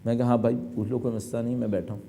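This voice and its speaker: A man's voice: medium pitch, level tone, creaky, warm tone, a little hiss or hum. A middle-aged male cleric preaching an emphatic sermon, full of rhetorical questions. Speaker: cleric delivering a majlis.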